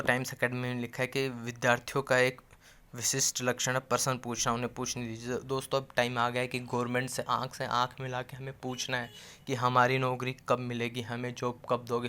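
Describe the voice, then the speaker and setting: A man's voice: mid-range voice, a bit bright, clean tone. A man hosting a video channel, rallying viewers in a casual direct appeal. He is insistent, keeps calling them friends, and often restarts or trails off mid-phrase. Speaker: YouTube channel host addressing job aspirants.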